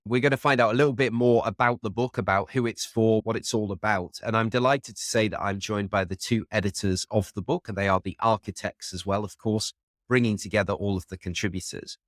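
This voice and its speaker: A man's voice: lowish voice, no room sound, clean studio sound. A man hosting a podcast interview, welcoming and upbeat as he introduces his guests. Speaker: podcast host.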